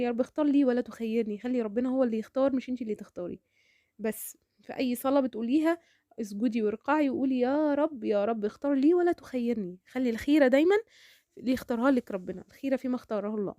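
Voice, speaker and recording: Rapid-talking Egyptian woman vlogger. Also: fairly high pitch, no echo, studio quality. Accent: Egyptian Arabic. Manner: rapid, warm-hearted chatter with prayers and frequent laughs. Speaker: home and cooking vlogger. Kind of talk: chatty voice-over to viewers.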